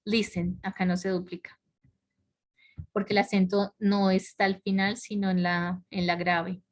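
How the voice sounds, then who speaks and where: A woman teaching an online grammar class at a slow, unhurried pace. She explains each rule step by step and keeps checking that her students follow. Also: mid-range voice, level tone. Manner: explains step by step, checks understanding with frequent questions. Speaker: English teacher.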